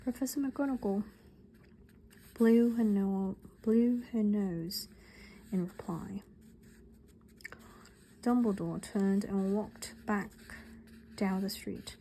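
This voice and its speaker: Slow, soft-spoken British-accented woman. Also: mid-range voice, steady tone, a little hiss or hum, poor audio. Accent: British, put on. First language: Korean. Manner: soft, half-whispered, with small restarts. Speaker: ASMR reader. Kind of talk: whispered ASMR story reading.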